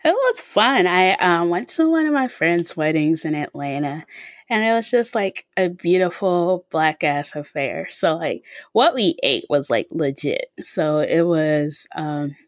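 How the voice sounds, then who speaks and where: Her voice is lowish and expressive, a little slow, as she co-hosts a casual podcast, chatting loosely with plenty of likes and ums. The recording is dry and studio-clean.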